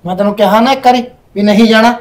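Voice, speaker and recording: A man's voice: high voice, fairly even intonation, very fast, lightly acted. A young man playing a controlling husband with a secret in a short film, insistent and brusque. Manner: insistent, brusque, repeats himself. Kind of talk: Punjabi short film acting.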